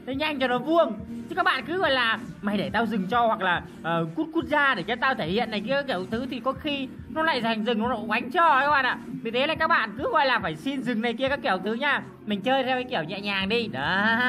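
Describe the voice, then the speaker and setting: A woman, hosting a gaming channel with playful, excitable gameplay commentary. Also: on the high side, brisk, few pauses. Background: background music.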